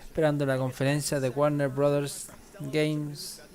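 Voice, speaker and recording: A man with a Chilean Spanish accent talks live on a stream, killing time with loose, rambling commentary. His voice sits a little high for a man. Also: flat delivery, normal speed, a little mellow. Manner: casual, rambling filler talk while waiting. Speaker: stream host.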